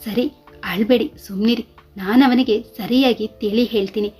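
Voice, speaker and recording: A woman's voice: on the high side, steady tone, normal speed, a little mellow, husky, faint music behind. A woman voicing a caring male friend who reassures and scolds plainly, in a storybook reading. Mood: reassuring.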